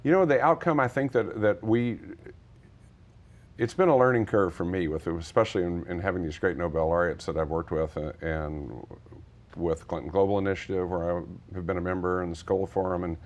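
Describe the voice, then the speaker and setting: Speaking low and briskly, a middle-aged American nonprofit founder from Texas gives earnest, wandering explanations as an interview guest, keeping it conversational.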